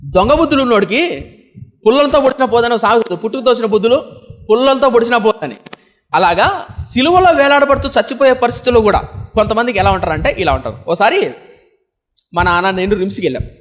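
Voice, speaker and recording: A man's voice: very high voice, lively intonation, fast, pauses often, fairly bright tone. A young man preaching a storytelling sermon, acting out the people in his stories and asking the congregation questions. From India.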